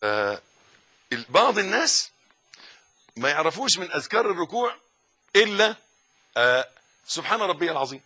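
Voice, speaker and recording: A man with an Egyptian Arabic accent giving a religious lesson, moving between loud emphatic insistence and soft, slow, murmured recitation. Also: on the high side, big pitch swings. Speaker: religious teacher.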